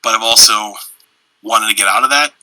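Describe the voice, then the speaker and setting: A young man co-hosting a podcast, telling stories in a loose, profane, animated way. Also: on the low side, normal speed, no echo, poor audio. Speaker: podcast co-host. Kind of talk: casual chat.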